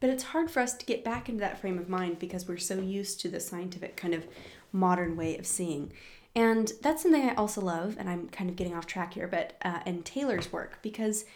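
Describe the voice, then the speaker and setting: A woman presenting a book discussion, reading passages aloud and explaining them in a thoughtful, measured way with asides and fillers. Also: fairly low pitch, darkish tone, slight background noise.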